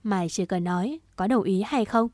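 Một người phụ nữ đọc giọng một gã trai trẻ thủ đoạn, nói giọng khiêu khích, chế giễu và hay chửi thề. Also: female voice, mid-range voice, normal speed, dark tone, no echo, studio quality, close to an everyday voice. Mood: taunting. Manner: mocking, swearing, provocative. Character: crude scheming young man, taunting and foul-mouthed.

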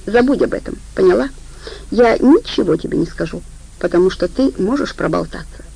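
A woman's voice: mid-range voice, expressive, brisk, vocal fry, dark tone, husky, low-quality recording. A woman narrator voicing a harsh, bossy young woman who schemes in an audiobook detective story. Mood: curt.

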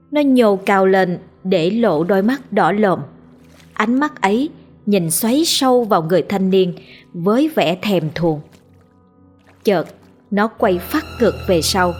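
A woman narrating a ghost story in a steady storytelling voice. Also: mid-range voice, slightly rough.

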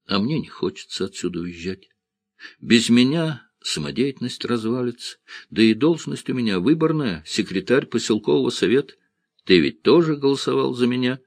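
A man's voice: mid-range voice, expressive, normal speed, no room sound, voice pushed up. Cheerful teasing village woman, as a man reads her. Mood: lively.

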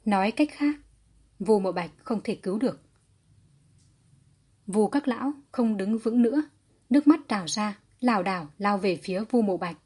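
Mellow, husky woman narrator. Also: medium pitch, lively intonation, moderate pace, long pauses. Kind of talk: audiobook narration of a historical fantasy novel.

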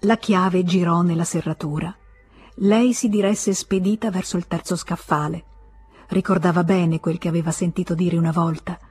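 Brief: husky female audiobook narrator, measured and dramatic, faint music underneath. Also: on the low side, fairly even intonation, a little mellow. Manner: measured, slow dramatic reading. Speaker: audiobook reader.

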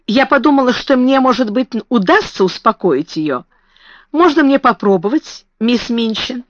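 A soft, earnest young schoolgirl, as a woman reader puts her on, speaking politely in a lifted voice. The audiobook sound is dry and a little dull. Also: on the high side, animated, moderate pace, no echo, pitched above the performer's own voice, natural voice. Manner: gentle, soft-spoken. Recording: dry, slightly muffled recording.

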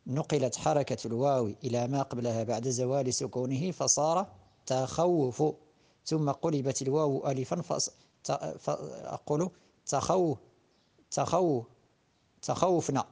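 A man with a Moroccan accent teaching a grammar lesson, patiently repeating word forms and pausing on drawn-out fillers. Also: a little high, a little mellow. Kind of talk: classroom-style lesson.

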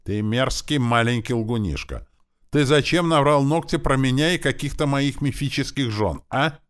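A man voicing a rough, brash young male orc warrior in an audiobook, talking in a blustering, boisterous way. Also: deep voice, animated, normal speed, a little mellow. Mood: indignant.

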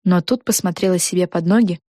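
A woman narrating a children's book in an even storytelling manner. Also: on the low side, a little fast, no echo, studio quality. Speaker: audiobook narrator.

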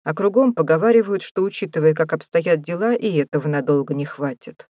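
A woman voicing a gruff, mocking male prison warder who bosses prisoners about in an audiobook. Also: low-pitched, brisk, mellow, no echo, studio quality. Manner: rough, taunting, bossy.

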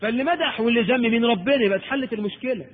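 A man preaching a lecture in Egyptian Arabic, animated and rhetorical, asking and answering his own questions. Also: very high-pitched, rapid-fire, slightly rough. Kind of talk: recorded Islamic lecture. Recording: tinny old tape in a reverberant hall.

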